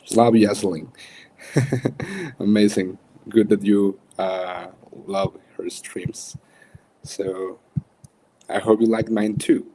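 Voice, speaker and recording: A young man with a Mexican accent and native Spanish, coaching in a casual, halting livestream chat. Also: lowish voice, level tone, warm tone, low-quality recording. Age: young adult. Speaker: coach hosting a livestream workshop.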